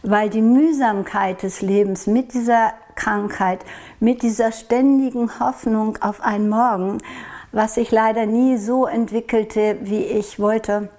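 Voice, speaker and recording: Woman from norway, slightly high voice, talks slow and hesitant, keeps pausing to find the word. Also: fairly even intonation. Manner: hesitant, searching for words, soft and reflective. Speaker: interviewee. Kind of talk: recounting a personal experience in an interview.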